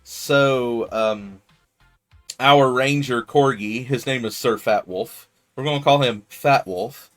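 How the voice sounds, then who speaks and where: A man's voice: mid-range voice, a bit bright. A man game master casually recapping his first tabletop session, talking in a loose, rambling way with many fillers and some swearing. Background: faint music.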